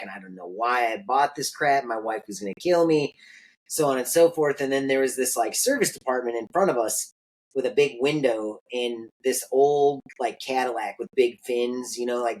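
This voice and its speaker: A man of ordinary pitch hosts a podcast and tells a story in a casual way. He is animated and acts out the lines he quotes. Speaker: podcast host.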